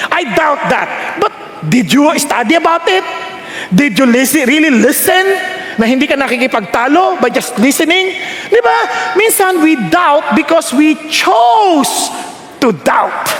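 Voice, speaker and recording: A man preaches with a high, very lively voice, leaping up and down as he acts out the voices he quotes. He sounds like a pastor in a church hall. The hall is echoey, with long reverb and faint ambience behind him. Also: slight background noise. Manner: animated, acts out quoted voices with big swings. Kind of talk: sermon.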